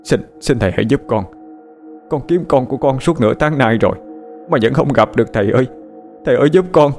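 A man's voice: mid-range voice, lively intonation, fairly quick, a little mellow, faint music behind, voice pushed up, lightly acted. A man voicing a grieving father who pleads in a choked, sobbing voice. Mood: pleading.

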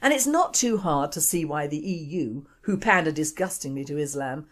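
A woman's voice: sits low, expressive, normal speed. A woman from the United Kingdom presenting opinionated commentary in a scornful, indignant manner. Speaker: show presenter.

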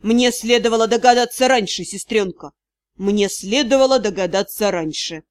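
A weary male magister growls out his curt, tired lines in a lowered voice, as a woman reads him. The storybook sound is dry and close. His tone stays grim and clipped. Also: moderate pace, no room sound.

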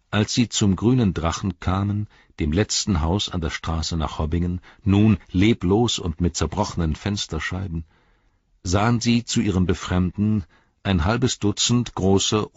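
A man narrating an audiobook with expressive storytelling. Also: low voice, slightly rough, dry recording, lo-fi sound. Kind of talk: scripted narration.

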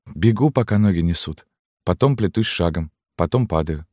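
A man's voice: low-pitched, lively intonation, moderate pace, darkish tone, dry recording, clean studio sound. A man voicing a weary, resigned peasant widow who speaks plainly.

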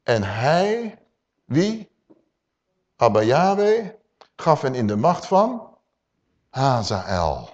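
A man's voice: medium pitch, drawn-out words, long pauses, lo-fi sound. A middle-aged man preaching a sermon, putting questions straight to his congregation. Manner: animated, addresses the congregation directly with questions.

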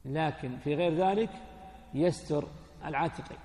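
A sheikh gives a classroom lesson on hadith, his voice pitched high with a gravelly edge. He keeps quizzing his listeners and then answers himself, in plain colloquial explanation. The sound rings through a large hall with a long, echoing tail. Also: normal speed, warm tone. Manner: asks students questions, then answers them himself. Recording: echoey hall with long reverb.

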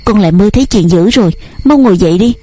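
A woman's voice: medium pitch, animated, quick pace, dark tone, slightly rough, no echo. A woman voicing a worried middle-aged mother who soothes and questions her daughter. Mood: anxious. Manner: soothing, urgent.

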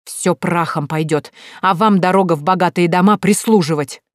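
A woman voicing a haughty, contemptuous middle-aged landowning lady who speaks in a sharp, scornful way. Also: lowish voice, expressive, moderate pace, no echo, clean studio sound, natural voice. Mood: irritated.

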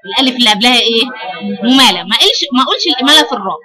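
A woman's voice: a little high, animated, very fast, a crowd in the background. An Egyptian woman teaching a Quran recitation class, questioning her students as she explains. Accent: Egyptian Arabic.

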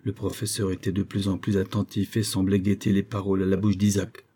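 Male audiobook narrator, measured pace, dark mellow voice, husky. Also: low-pitched, monotone. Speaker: audiobook reader. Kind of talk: scripted narration.

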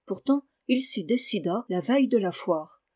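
A woman narrating a classic children's novel aloud in a calm, measured reading. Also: mid-range voice, husky. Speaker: audiobook reader. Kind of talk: storybook narration.

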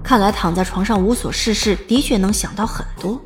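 A woman reading the narration of an audio drama in a smooth, lightly wry storytelling manner. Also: mid-range voice, brisk, faint music behind.

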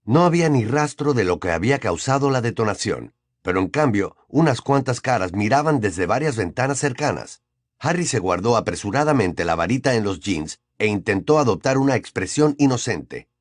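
A man narrating an audiobook in an expressive storytelling manner. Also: mid-range voice, moderate pace, no room sound, studio quality. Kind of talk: scripted narration.

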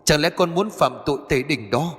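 A man voicing the sorrowful ghost of a dead mother, who speaks in a mournful, pleading and gently scolding way. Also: a little high, animated, normal speed, long reverb tail, pitched above the performer's own voice, close to an everyday voice.

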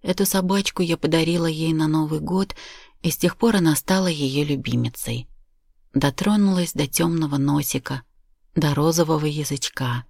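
Low-voiced woman narrating steadily. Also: creaky, no echo, clean studio sound. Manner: measured, steady storytelling. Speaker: audiobook narrator. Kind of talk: scripted narration.

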